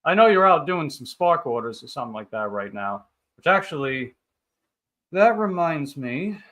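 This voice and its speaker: Very animated and fairly high-pitched, this thirty-year-old man runs a casual livestream at a normal speed. His fairly bright voice rambles through upbeat banter as he reads and answers viewer comments.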